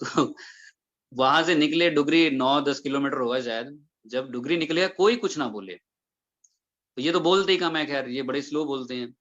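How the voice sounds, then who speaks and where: A man's voice: mid-range voice, normal speed, dull audio. A man, telling a devotional story at a satsang and acting out the dialogue as he goes. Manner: lively retelling full of quoted dialogue. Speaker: devotee sharing an experience.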